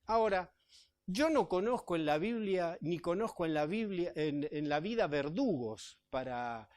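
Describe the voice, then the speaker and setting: A man's voice: a little high, lively intonation, measured pace, a little mellow. A man, a pastor preaching a sermon in church, reading scripture and explaining it in a conversational way. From Chile. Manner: conversational, with tag questions to the congregation.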